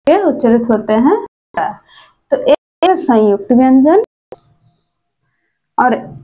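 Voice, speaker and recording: A woman's voice: fairly high pitch, warm tone. A woman teaching a Hindi grammar lesson for exam preparation. She recites letters one at a time and asks questions that she answers herself. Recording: dull lo-fi recording.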